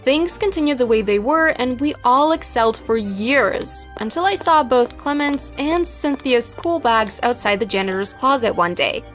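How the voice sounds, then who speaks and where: A young woman narrating an animated story in a lively, scripted storytelling manner. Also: fairly high pitch, moderate pace, few pauses, soft background music.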